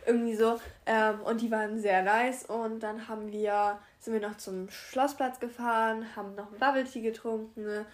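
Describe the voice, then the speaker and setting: A woman's voice: on the high side, level tone, moderate pace, few pauses. A young woman in casual chat, telling stories in a filler-heavy way and acting out what people said, recorded on wireless earbuds. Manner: chatty storytelling, filler-heavy, acts out quotes.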